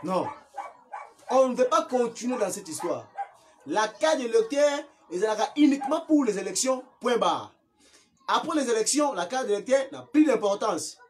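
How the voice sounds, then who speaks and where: A man's voice: very high voice, lively intonation, moderate pace. A man with a Congolese accent who slips into Lingala, giving his opinion in an impassioned way, repeating and stressing his points. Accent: Congolese (Kinshasa), mixing in Lingala. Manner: emphatic and repetitive, stressing words over and over.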